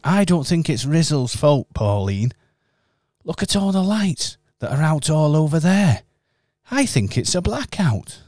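A man's voice: a little high, sing-song, unhurried, darkish tone. A man voicing Kong Bear, a kind and caring male talking bear, in a radio pantomime. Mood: gentle.

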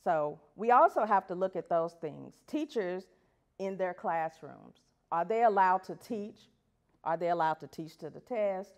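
A woman's voice: fairly low pitch, lively intonation, unhurried, darkish tone, highs cut off. A woman teacher giving a prepared talk at an education event, earnest and putting rhetorical questions to the audience. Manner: reads from prepared pages. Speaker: elementary school teacher.

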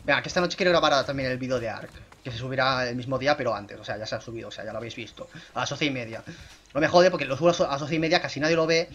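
Over lo-fi sound with slight background noise, a young man speaks very fast into a desk microphone, giving casual gameplay commentary for his gaming YouTube channel. He's chatty and pokes fun at himself, then bursts into excited high shouts.

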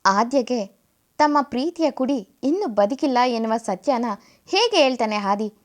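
A woman's voice: fairly high pitch, animated, unhurried. A woman narrating a serialized family story, reading plainly with small shifts of voice for the characters' lines. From India.

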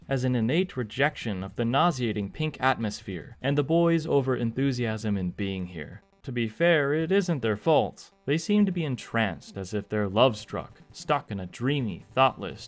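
Arizona guy reading his scripted gaming video essay, middle pitch, measured and wry. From Arizona, USA. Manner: wry, measured storytelling with dry asides. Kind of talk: scripted narration.

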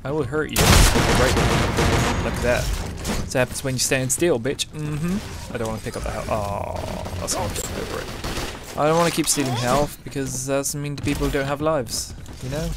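Young man chatting over loud gunfire. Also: mid-range voice, normal speed, heavy background noise. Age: young adult. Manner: chatty, joking, swearing at opponents. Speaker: gameplay commentator. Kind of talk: casual gameplay commentary. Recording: loud gunfire from the game behind.

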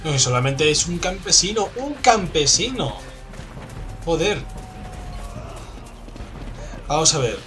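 Excitable Spanish man over game music. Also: a little high, unhurried, pauses often. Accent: Spanish from Spain. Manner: excitable, swears, loud outbursts. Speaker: gameplay commentator. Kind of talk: let's play commentary.

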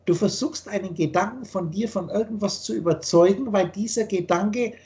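High-voiced man lecturing emphatically. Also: normal speed, a little mellow. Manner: emphatic, lecturing, repeats and rephrases. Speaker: spiritual teacher. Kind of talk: explaining ideas in a video call. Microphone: video call.

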